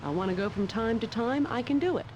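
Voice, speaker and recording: An actress playing a confident woman time traveler in a computer game, brisk and a little motherly. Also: medium pitch, lively intonation, dull audio, noisy background, natural voice. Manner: brisk, self-assured, chiding.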